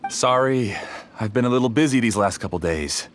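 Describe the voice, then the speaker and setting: An actor playing a polite, scheming researcher villain in a video game, theatrical and measured. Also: male voice, mid-range voice, lively intonation, slight background noise, lightly acted. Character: courteous, scheming male researcher villain, husband, calmly arrogant.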